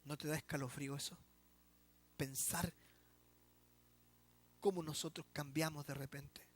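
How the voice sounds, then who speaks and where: High-voiced, slow, emphatic male preacher. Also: fairly even intonation, husky. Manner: emphatic, drawn-out preaching with rhetorical questions to the listener. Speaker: pastor. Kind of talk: sermon. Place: church.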